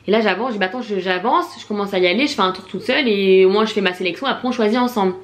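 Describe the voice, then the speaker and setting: A young woman with a French accent talks through a casual haul vlog. She sounds chatty and animated, piling up slang and fillers, and her pitch sits in an ordinary middle range. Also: very fast. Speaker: vlogger.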